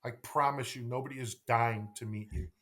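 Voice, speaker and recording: A middle-aged man, a sales coach appearing as a podcast guest, speaks at medium pitch in a steady, brisk, pushed and bright voice. He is emphatic in this conversational interview, repeating phrases and throwing out rhetorical questions.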